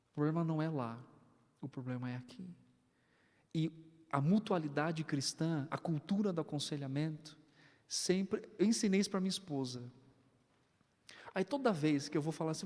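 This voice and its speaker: A Brazilian man in his thirties, a pastor preaching a sermon, telling family stories and acting out their dialogue in a lively way. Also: on the high side. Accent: Brazilian Portuguese. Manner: animated storytelling, acts out family dialogue. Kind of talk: sermon with personal anecdotes. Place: church sanctuary, indoors. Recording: long reverb of a church hall.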